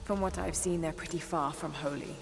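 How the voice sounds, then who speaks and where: A woman's voice: sits low, fairly even intonation, brisk, over music. A woman voicing a resolute young woman adventurer in video game cutscene dialogue, speaking in curt, guarded replies. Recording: echoey game audio with background ambience.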